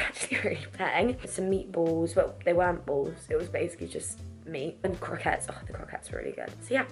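A young woman in her twenties chatting casually to camera in a lifestyle vlog, gushing and quick with asides. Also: on the low side. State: hoarse, lost voice. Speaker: vlogger.

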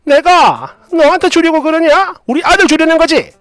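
A woman voicing a sharp-tongued older mother-in-law who scolds and grumbles. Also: very high-pitched, lively intonation, normal speed, dry recording, faint music behind, pitched above the performer's own voice. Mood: scolding.

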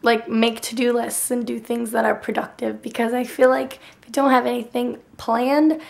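A young adult woman with a nearly lost, raspy whispery voice and dry throat, chatting casually to a handheld camera in a bedroom. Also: on the high side, little pitch movement, normal speed. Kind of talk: casual vlog chat. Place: bedroom, indoors. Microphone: handheld camera at arm's length.

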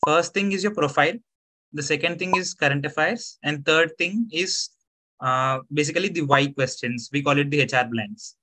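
A man in his twenties with an Indian accent gives informal advice over a video call, explaining step by step in a halting, methodical way. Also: fairly high pitch, bright, forceful tone. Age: 20s. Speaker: student mentor sharing interview experience.

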